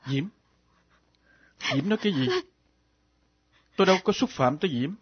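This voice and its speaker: A bewildered, grieving husband in a radio drama, speaking earnestly in a husky voice. The old recording is dull and close-miked. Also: male voice, fairly high pitch, animated, normal speed, no room sound. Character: bereaved husband, bewildered, gentle.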